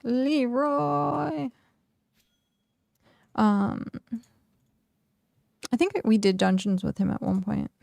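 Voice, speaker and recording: A woman's voice: mid-range voice, flat delivery, measured pace, gravelly, long pauses, dark tone, no echo, studio quality. A young woman game streamer chatting casually and rambling, with lots of "like", while she plays. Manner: rambling, chatty, heavy use of "like". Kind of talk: casual live-stream chat while gaming.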